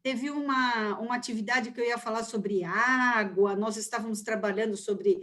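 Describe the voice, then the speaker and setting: A woman's voice: a little high, steady tone, normal speed, fairly bright tone. A woman teacher talking from her bedroom in an online class, chatty and telling anecdotes. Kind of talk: casual online class talk.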